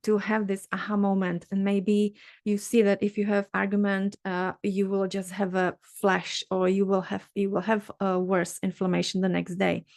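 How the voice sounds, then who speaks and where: A middle-aged woman from the Czech Republic with a Czech accent, a dermatologist leading a health workshop in a halting, earnest way, with many fillers and restarts. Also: mid-range voice, monotone, vocal fry, darkish tone, dry recording, studio quality. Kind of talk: workshop talk.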